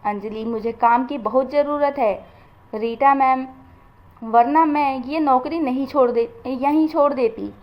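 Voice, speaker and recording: Humble, hardworking young secretary, voiced by a woman narrator: soft, earnest delivery, high pitch, dull lo-fi recording. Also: measured pace. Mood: apologetic.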